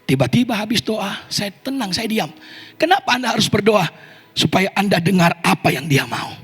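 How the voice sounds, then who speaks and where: Seorang pendeta pria berkhotbah dengan suara yang sangat tinggi dan penuh penekanan, sering menyapa jemaat. Suaranya bergema panjang di aula gereja, dengan iringan musik samar di belakang. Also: male voice, high voice, moderate pace, a bit bright, breathy edge. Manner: emphatic, calls out to the congregation. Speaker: pastor. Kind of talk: sermon. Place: church service hall. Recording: echoey church hall with faint music.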